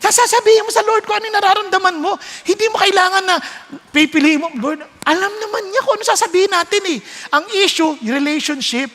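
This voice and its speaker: A man preaching a sermon, storytelling with lively switches between Tagalog and English and acting out voices. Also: extremely high pitch, fast talker. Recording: long hall reverb.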